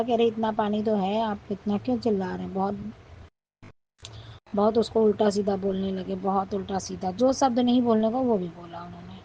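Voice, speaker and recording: A woman's voice: mid-range voice, dark tone, dull audio, slight background noise. A middle-aged woman telling a recorded testimony about her family, earnestly thanking her guru again and again. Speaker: devotee sharing a testimony.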